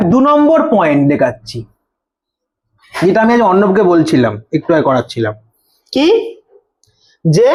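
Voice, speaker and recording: A woman whose voice sits on the high side gives a relaxed grammar tutorial in a reverberant space. Asking questions and then answering them herself, she goes back over the important answers.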